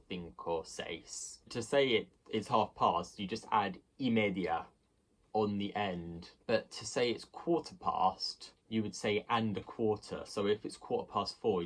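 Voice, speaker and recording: Low-voiced man explaining Spanish numbers. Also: husky. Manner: patient, explanatory, slows down to pronounce Spanish words. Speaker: language teacher. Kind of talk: casual explanatory lesson.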